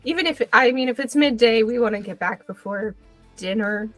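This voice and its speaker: A woman's voice: fairly high pitch, moderate pace, a bit bright, no room sound, soft background music. A woman playing a tabletop game, chatting casually in a teasing, playful way. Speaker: player. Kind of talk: casual tabletop role-play.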